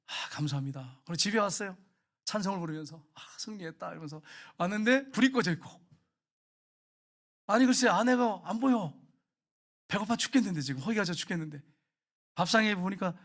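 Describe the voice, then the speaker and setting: Slightly high-voiced storytelling pastor. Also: male voice. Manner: lively storytelling, acting out everyday scenes; colloquial, talks directly to the congregation. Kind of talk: sermon.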